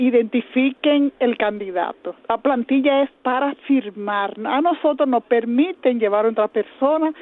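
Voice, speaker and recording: A woman calling a radio show to earnestly correct a point. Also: fairly high pitch. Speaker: caller. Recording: tinny phone line.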